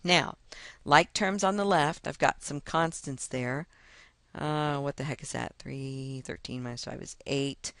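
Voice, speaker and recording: A woman's voice: deep voice, measured pace, fairly bright tone, no room sound. A woman math teacher talking through a lesson step by step in a chatty, self-mocking way. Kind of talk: casual screen-recorded lesson walkthrough.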